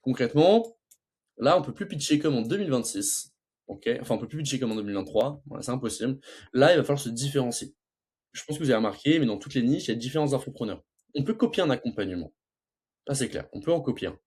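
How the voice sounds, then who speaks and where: A man's voice: mid-range voice, animated, fast talker, a little mellow, slightly rough. A young man coaching sales closing in a casual talk, stuttering and restarting often, and acting out both sides of a sales call. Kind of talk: casual teaching monologue.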